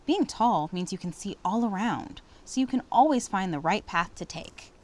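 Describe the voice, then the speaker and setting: A woman's voice: medium pitch, expressive, normal speed, a little mellow, natural voice. A woman reading the part of a joking older uncle in a children's storybook. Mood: gentle. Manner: joking, laughing at his own puns. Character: jokey old man, Uncle Red.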